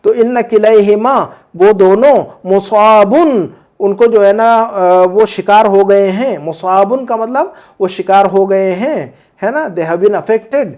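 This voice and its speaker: High-voiced man drilling grammar. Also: a little mellow. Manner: repeats words slowly, drilling forms; frequent "hai na" checks with listeners. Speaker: Arabic teacher. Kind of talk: grammar lesson explaining in Urdu.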